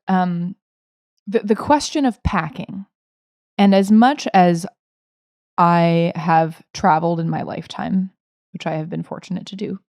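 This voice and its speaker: A woman's voice: fairly low pitch, no echo, clean studio sound. A young adult woman co-hosting a podcast, telling stories in casual chat and laughing often. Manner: laughs often, animated storytelling. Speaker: podcast co-host. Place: Brooklyn, New York.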